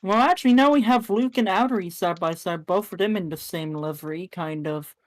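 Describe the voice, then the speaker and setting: A woman's voice: lowish voice, fairly quick. Chatty woman calling a live race. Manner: chatty, corrects herself mid-sentence. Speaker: race commentator. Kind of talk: live sim-racing commentary.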